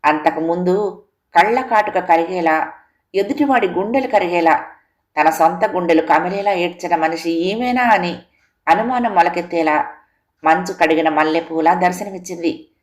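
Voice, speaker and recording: A woman storyteller reads a literary tale aloud, steady and composed. Her voice sits somewhat low for a woman, and her delivery is measured and even. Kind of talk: scripted audio story narration.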